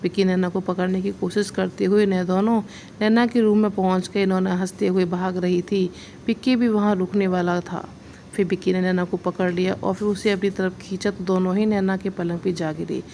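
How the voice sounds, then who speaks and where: A woman narrating a story aloud with a plain, steady reading and small slips. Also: medium pitch, normal speed, slight background noise.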